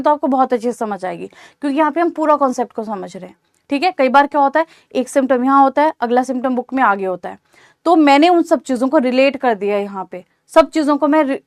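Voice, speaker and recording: A woman lectures online to exam candidates in a high voice, recorded at studio quality with no room sound. She keeps reassuring the class and repeatedly asks "theek hai" to see if they're following.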